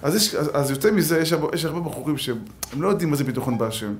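A man preaching a Torah lesson with a somewhat high voice. He tells lively stories and acts out quotes and jokes as he teaches. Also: slight background noise. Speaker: rabbi.

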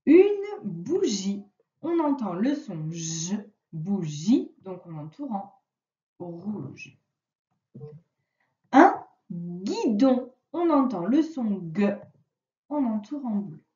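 A woman teacher giving a remote phonics lesson to a child, dictating words slowly and carefully from her computer. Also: mid-range voice, sing-song, warm tone, echoey room, distant mic, muffled recording. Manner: slow, carefully articulated word dictation.

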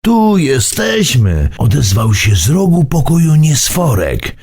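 A man doing a shouting little mischief creature. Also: very animated, slow pace, husky, exaggerated voice. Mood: insistent. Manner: high, insistent, shouting.

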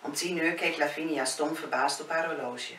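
Lady reading her own book aloud, calm, roomy sound w/ faint hiss. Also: sits low, moderate pace, recorded from a distance. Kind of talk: audiobook narration.

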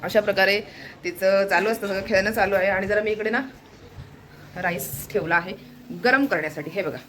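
A woman's voice: medium pitch, normal speed, fairly bright tone, a little hiss or hum. A young woman chatting casually to viewers in a home vlog, pointing things out as she goes. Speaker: vlogger.

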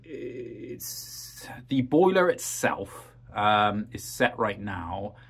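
Rambling low-voiced man in a crawl space. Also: sing-song, very slow, husky. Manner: rambling, many ums and uhs, plain practical talk. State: out of breath after crawling. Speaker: homeowner showing his heating system. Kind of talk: casual walkthrough vlog. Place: cramped crawl space and utility room.

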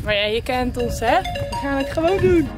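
A young woman chatting casually on a travel vlog, lively and slangy, filmed on a handheld camera outdoors and in a minivan. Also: high-pitched, normal speed, music in the background. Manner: lively, slangy, laughs often. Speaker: travel vlogger.

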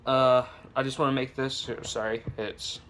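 A man's voice: mid-range voice, level tone, normal speed, a bit bright, a little hiss or hum. A young man making a casual home vlog on his phone, rambling with many restarts and fillers. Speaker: vlogger. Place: home with babies heard nearby. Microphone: phone camera.

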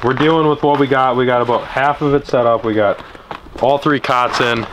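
A young man narrates an outdoor vlog in a laid-back, wry manner, his voice at an ordinary middle pitch. Clear outdoor noise runs under his speech. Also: fairly even intonation, fairly quick, highs cut off. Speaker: vlog co-host. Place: outdoors on a frozen lake.

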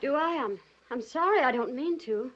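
An actress playing a gentle middle-aged mother speaking tenderly in a 1940s film. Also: high-pitched, animated, normal speed. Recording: muffled old film soundtrack.

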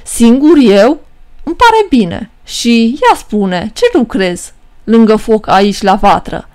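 A woman's voice: mid-range voice, big pitch swings, a little mellow, close to an everyday voice. A woman voicing a greedy, pushy male devil in a storybook reading. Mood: prying. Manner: prying, demanding.

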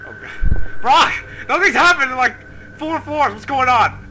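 A man's voice: very high voice, lively intonation, unhurried, pushed and bright, a little hiss or hum. A young man playing a horror game at his desk, panicky, screaming and swearing a lot in his commentary. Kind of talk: let's play commentary. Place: home, at a desk.

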